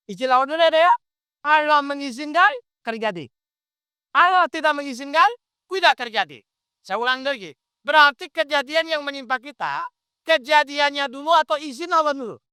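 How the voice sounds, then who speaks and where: A man's voice: very high-pitched, moderate pace, pauses often, dry recording, studio quality. A man preaching an interactive sermon, asking his listeners question after question as he explains. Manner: animated, quizzes the audience with questions.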